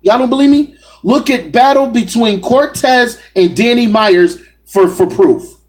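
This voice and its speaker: A man's voice: very high-pitched, animated, a little slow, low-quality recording. A man giving assertive, argumentative commentary on battle rap, speaking directly to his viewers. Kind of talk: opinionated solo commentary.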